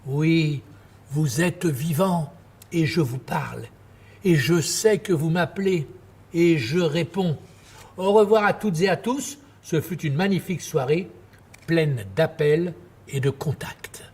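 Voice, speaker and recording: A tender, grandiloquent male night-radio host on stage. His voice sits fairly high and has a husky grain. He speaks in effusive, lyrical phrases and flusters easily. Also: slow, darkish tone, heavily acted. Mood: tender, solemn. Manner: effusive, lyrical, repeating words when flustered. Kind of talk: theatrical stage monologue as radio sign-off.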